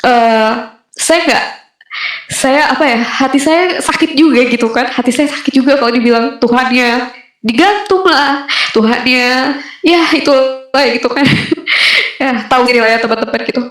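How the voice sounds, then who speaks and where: A young woman giving a casual personal testimony, pausing often with fillers as she talks. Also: high voice, a bit bright. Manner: conversational with frequent fillers and hesitations. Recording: very echoey room.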